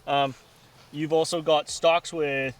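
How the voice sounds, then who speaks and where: A man's voice: on the high side, flat delivery, takes it slowly, clean tone. A man hosting a casual firearms review, talking outdoors at a range. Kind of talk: casual chat, gun review. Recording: distant mic, faint outdoor noise.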